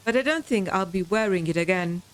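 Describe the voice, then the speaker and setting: A woman's voice: medium pitch, expressive, a little fast, close to an everyday voice, rough recording. A woman reading out a game shopkeeper's dialogue, lifting her voice earnestly. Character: earnest shopkeeper grateful for the truth.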